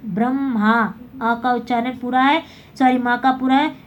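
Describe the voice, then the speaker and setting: A woman's voice: high-pitched, fairly even intonation, moderate pace, lo-fi sound, a little hiss or hum. A woman teaching a basic Hindi lesson, explaining step by step and often correcting herself.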